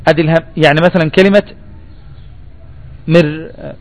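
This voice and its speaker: A man's voice: a little high, steady tone, normal speed. A man with an Egyptian Arabic accent teaching a spelling lesson, asking the class questions and repeating their answers.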